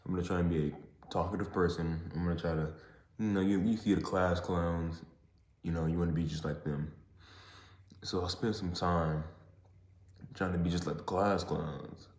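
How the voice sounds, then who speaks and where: A young man talking casually and haltingly on his own as a podcast host, recorded in a parking garage. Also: deep voice, steady tone, darkish tone. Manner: halting, repeats and rephrases himself. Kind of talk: casual solo monologue. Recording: echoey garage.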